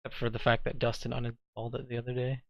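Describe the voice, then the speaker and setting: A man's voice: medium pitch, monotone, very fast, creaky, dry recording, muffled recording. A man hosting a tabletop game stream, chatting casually and joking with his players. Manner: laid-back, joking.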